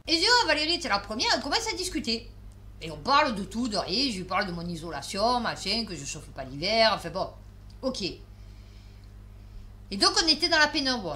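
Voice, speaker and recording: A woman's voice: fairly high pitch, sharp tone. A tired woman vlogger telling a story to camera in a casual, chatty way, swearing and filling with restarts.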